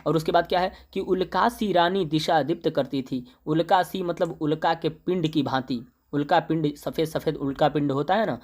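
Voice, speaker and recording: A young man teaching a poem reads each line slowly, then explains it in everyday language peppered with fillers. His voice sits on the high side.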